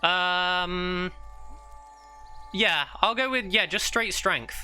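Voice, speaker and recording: Brief: sharp-voiced game master man, halting casual delivery, soft music underneath. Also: high voice. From United Kingdom. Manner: halting, full of fillers and restarts. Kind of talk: running a tabletop game, casual chat. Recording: faint ambient music behind.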